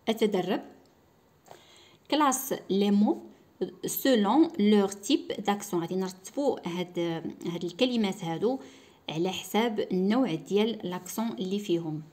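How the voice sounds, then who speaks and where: A woman teacher speaks with a Moroccan Arabic accent in a patient, explanatory way. She slows down and says each word several times, as if modelling pronunciation for pupils. Her voice sits at an ordinary middle pitch. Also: warm tone. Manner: slow, repeats words to model pronunciation. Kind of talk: school lesson explaining French accents.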